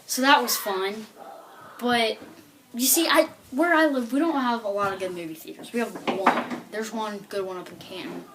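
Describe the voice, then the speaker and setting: Woman doing stand-up storytelling, rambling delivery, slightly high voice, noisy recording. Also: moderate pace. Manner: rambling, lots of "like" and "you know".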